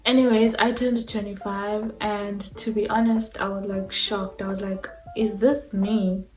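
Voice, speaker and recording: A woman's voice: mid-range voice, flat delivery, unhurried, a little mellow, echoey room, faint music behind, low-quality recording. A woman in her twenties from South Africa, talking casually and rambling to her vlog audience with lots of fillers. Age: 20s. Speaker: vlogger. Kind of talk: casual talk to camera.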